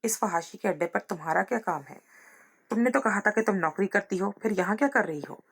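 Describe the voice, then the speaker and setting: A woman voicing a shouting, accusing teenage boy in a spoken story. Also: medium pitch, brisk, gravelly, slight background noise. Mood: shocked anger. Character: angry teenage boy shouting at his mother.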